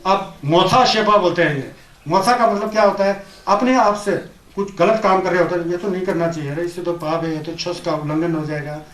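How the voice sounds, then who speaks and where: Male Buddhist teacher, high-pitched, repetitive rhetorical lecturing, Tibetan terms in his talk, echoey room. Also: a little fast, a bit bright. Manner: mixes Tibetan terms into Hindi. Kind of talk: Hindi dharma discourse. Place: teaching hall of a Buddhist centre. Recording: roomy echo.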